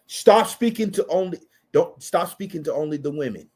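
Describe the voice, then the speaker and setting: A man's voice: on the high side, expressive, normal speed, darkish tone. A man in his thirties delivering an impassioned opinion rant, blunt and profane, repeating phrases for emphasis.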